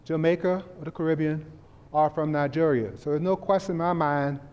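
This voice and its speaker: A man's voice: on the high side, a little fast, smooth. An older man standing and presenting upcoming festival events in a forthright, earnest way in a community center room. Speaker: event organizer. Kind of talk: public presentation. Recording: dull echoey hall recording.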